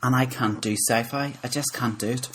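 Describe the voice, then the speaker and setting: A man's voice: medium pitch, steady tone, normal speed, slight background noise. A man with a Northern Irish accent co-hosting a podcast, casual and jokey, teasing his co-host and laughing often. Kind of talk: casual chat.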